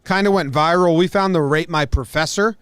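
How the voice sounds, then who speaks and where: A man's voice: on the high side, a bit bright, smooth, no room sound, studio quality. A young man co-hosting a podcast, joking and laughing as he reads out odd news stories. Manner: quick, joking, laughs often. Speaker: podcast co-host. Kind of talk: casual comedic banter.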